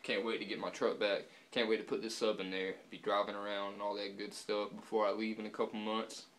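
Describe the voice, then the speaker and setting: A young man speaks at a slightly low pitch, dip tucked in his lower lip. He rambles casually to the camera at home, laid-back and swearing often. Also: little pitch movement, a little fast, a bit bright, slight background noise. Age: young adult. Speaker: vlogger. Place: indoors, room at home. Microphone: camera on a subwoofer.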